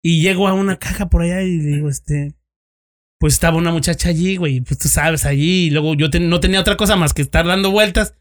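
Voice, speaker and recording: A man's voice: fairly high pitch, fast talker. A man with a Mexican accent, a former police investigator, telling a story to friends in casual chat, swearing freely and acting out both sides of the dialogue.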